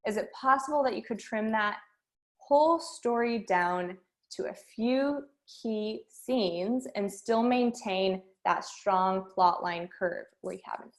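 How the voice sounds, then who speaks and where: Woman coaching through questions. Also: medium pitch. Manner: guiding students with a string of questions. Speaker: speech and debate coach. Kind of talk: online workshop lesson.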